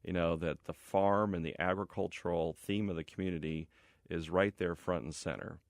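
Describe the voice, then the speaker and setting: Deep-voiced middle-aged man, explanatory interviewee. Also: fairly even intonation, normal speed, no room sound, studio quality. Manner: conciliatory, explanatory, thinking aloud. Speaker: property developer being interviewed. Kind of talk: conversational interview answers. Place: radio station studio.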